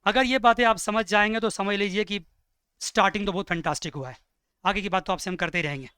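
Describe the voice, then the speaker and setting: A man teaching an economics class in a lively lecture style, asking his students questions and dictating notes slowly. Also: high voice, clear, resonant tone, no room sound.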